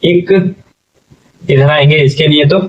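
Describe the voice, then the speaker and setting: A man's voice: a little high, steady tone, far from the mic, highs cut off. Patient male teacher drawing out numbers. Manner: patient, drawn-out syllables, frequent "okay?" checks. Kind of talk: classroom lesson.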